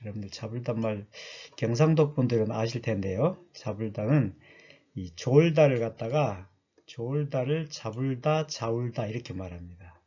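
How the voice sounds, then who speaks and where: A man's voice: mid-range voice, expressive, normal speed, dark tone, breathy edge, lo-fi sound. A man giving a chatty lecture that explains dialect words, often asking his listeners questions.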